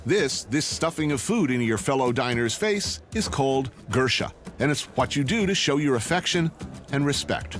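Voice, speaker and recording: A man's voice: mid-range voice, expressive, moderate pace, fairly bright tone. A man narrating a travel documentary as a scripted voice-over, with a dry, wry delivery. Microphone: studio voice-over. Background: guitar music.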